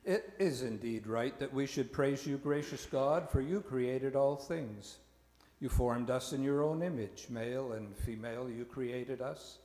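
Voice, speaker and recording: A man acting as presiding minister, leading a liturgical prayer in a slow, measured intoning voice, with a long cathedral-like echo in a large church. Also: medium pitch, mellow. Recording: echoey church hall with music.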